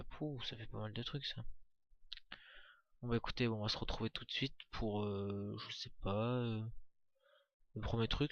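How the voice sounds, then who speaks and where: A man's voice: fairly low pitch, creaky, sharp tone, dry recording, muffled recording. A man giving casual, chatty commentary on a game walkthrough, hesitant, with many fillers and restarts. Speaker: gameplay commentator.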